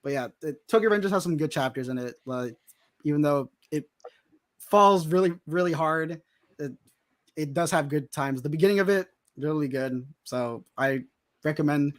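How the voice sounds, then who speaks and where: Guy rambling excitedly about comics on a podcast, kinda high voice, keeps restarting. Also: moderate pace. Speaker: podcast guest. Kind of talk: casual chat.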